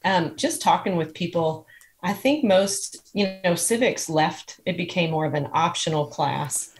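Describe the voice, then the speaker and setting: A woman's voice: on the low side, unhurried. A woman, a political candidate speaking earnestly and plainly as a TV interview guest. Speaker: state senate candidate, guest.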